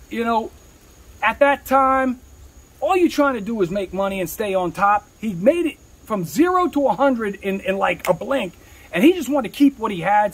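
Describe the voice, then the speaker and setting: A man with a very high-pitched voice speaks candidly in an interview as a rapper, using slangy, streetwise language laced with swearing.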